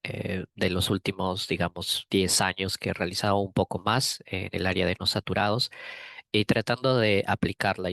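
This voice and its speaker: A man from Peru giving a technical webinar talk over a video call, measured and with frequent fillers. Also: low voice, creaky, a bit bright, no room sound. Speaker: guest speaker.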